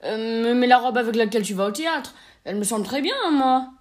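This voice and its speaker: A woman's voice: a little high, fairly quick, lightly acted. Brief: woman voicing a fussing male clerk, eager, a little stammering, storybook reading. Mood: coaxing. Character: flustered, eager-to-please male clerk husband.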